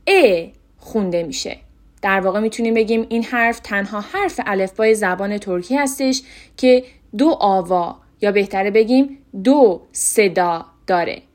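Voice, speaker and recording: A woman teaching a pronunciation lesson, repeating each sound and example word slowly and distinctly. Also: mid-range voice. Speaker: language teacher. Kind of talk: instructional lesson, modeling pronunciation.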